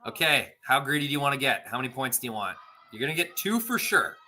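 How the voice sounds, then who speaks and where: Bright-voiced male curling commentator. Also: medium pitch, very animated, fast, slight background noise. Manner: analytical, talks through shot options. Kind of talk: live sports commentary.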